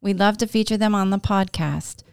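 A woman's voice: medium pitch, normal speed, vocal fry, darkish tone, smooth, no echo, studio quality. A middle-aged woman hosting a podcast, upbeat and friendly, opening the show and interviewing a guest. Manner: upbeat, friendly, with brief verbal restarts. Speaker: podcast host. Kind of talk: casual interview.

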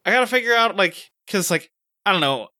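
Guy cohosting a podcast, bouncy pitch, rambly, dry close sound. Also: animated, brisk, bright, forceful tone, no room sound. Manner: rambling, lots of fillers. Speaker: podcast co-host. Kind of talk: casual chat.

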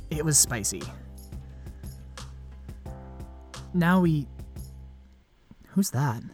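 Male actor as reluctant young vampire, medium pitch, self-deprecating, lovelorn, scripted narration, background music. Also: close to an everyday voice. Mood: reluctant, musing. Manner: self-deprecating, confiding, wry. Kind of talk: scripted first-person narration and dialogue.

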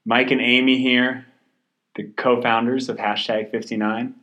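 A man's voice: medium pitch, flat delivery, unhurried, sharp tone, echoey room, dull audio. A man co-hosting a travel podcast, chatting casually and joking with his co-host in a coworking space.

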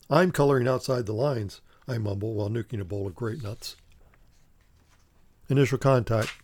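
A man performs a one-man stage play as a wry, theatrical first-person monologue. His voice sits at a middle pitch. The recording is dry and close, with no room echo.

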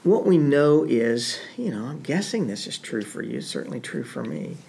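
Husky, gravelly male interview guest. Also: medium pitch, wildly swooping pitch, normal speed, a little mellow. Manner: thoughtful, explaining ideas aloud. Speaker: interview guest, youth ministry author. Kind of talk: reflective interview answer.

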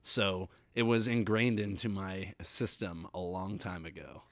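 A man's voice: deep voice, a little slow, a bit bright, no room sound. A man from the Cincinnati area, a podcast guest chatting casually and laughing often as he tells stories. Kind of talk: casual chat.

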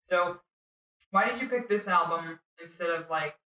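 Bright, higher-voiced young man, echoey room. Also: normal speed, recorded from a distance. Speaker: podcast host, interviewer. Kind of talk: casual chat. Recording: echoey room, away from mic.

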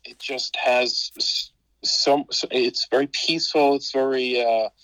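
A man in his fifties, a podcast guest, talking casually and hesitantly in an interview, with many pauses and restarts. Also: mid-range voice, fairly even intonation, sharp tone, smooth, dry recording, low-quality recording.

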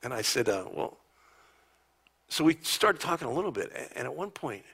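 A man preaching a conversational sermon as a pastor, telling stories and often dropping to a hushed near-whisper. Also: mid-range voice, big pitch swings, normal speed, creaky, breathy edge.

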